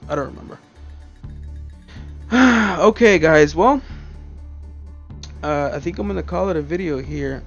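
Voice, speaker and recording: A man's voice: a little high, muffled recording. Swearing, rambling let's play guy. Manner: rambling, swears a lot, easily frustrated. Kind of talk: casual gameplay commentary.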